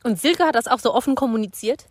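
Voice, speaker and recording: A woman's voice: a little high, fast, no echo, studio quality. A woman co-hosting a podcast outdoors, chatting in a playful, giggly way. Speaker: podcast co-host. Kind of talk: casual chat.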